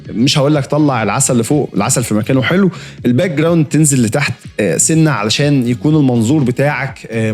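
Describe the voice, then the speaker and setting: A young Egyptian man critiques graphic designs in a rapid, chatty, friendly flow. His voice sits at an ordinary middle pitch and never slows down. Faint music plays underneath. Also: darkish tone. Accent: Egyptian Arabic. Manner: rapid, chatty, lots of fillers and friendly asides. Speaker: design reviewer host.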